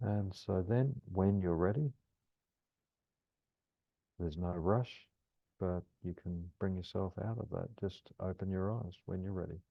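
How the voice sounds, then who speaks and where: Male meditation guide, deep and soothing, calm grounding instruction, slightly dull lo-fi recording. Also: measured pace, vocal fry, pauses often. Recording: roomy, slightly dull lo-fi sound.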